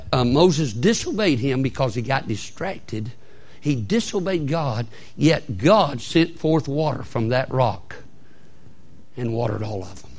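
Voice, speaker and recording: A male pastor preaching a sermon, building to shouted peaks and stretching words out for emphasis. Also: medium pitch.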